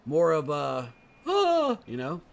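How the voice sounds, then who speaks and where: A man's voice: fairly high pitch, animated, moderate pace, over a noisy crowd. A man hosting a casual comedy podcast, talking in rambling, profane tangents. He is also an impressionist.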